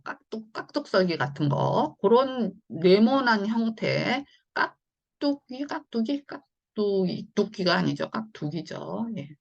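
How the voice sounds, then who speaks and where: A woman teaching English phonics in an online lesson, explaining patiently and slowly with many fillers. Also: medium pitch, gravelly, dull audio.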